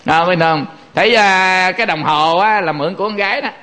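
A Southern Vietnamese man preaches a Buddhist dharma talk in a notably high voice. He speaks in a folksy, animated way and slips into the voices of the people in his stories. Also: fairly quick. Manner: folksy, animated, acts out quotes. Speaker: Buddhist monk teaching.

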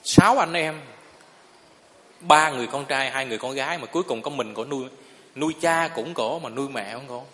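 A man's voice: mid-range voice, a little fast, crowd noise. A man, a Buddhist monk giving a sermon in a folksy storytelling way and often asking the listeners if they agree. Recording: long reverb of a hall.

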